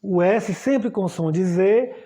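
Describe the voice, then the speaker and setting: A woman's voice: medium pitch, takes it slowly, mellow. A woman with a Brazilian Portuguese accent teaches a language lesson patiently, spelling out letters and checking that students follow. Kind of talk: explaining a language lesson at a board.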